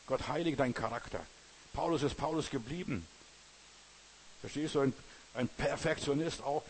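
A man's voice: mid-range voice, moderate pace, rough recording. Earnest German preacher man, faint hiss. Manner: earnest, addresses listener directly with repeated "verstehst du". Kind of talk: sermon.

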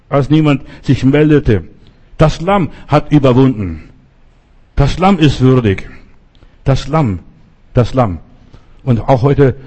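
Middle-aged guy preaching, husky dark voice, hammers words over and over. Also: fairly high pitch. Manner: emphatic, repeats words for stress. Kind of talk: sermon.

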